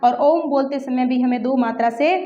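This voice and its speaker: A woman with a high voice teaches a classroom lesson. She explains step by step and asks her students questions before answering them herself. The recording sounds dull and echoes around the room. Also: normal speed, warm tone. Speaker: Hindi teacher.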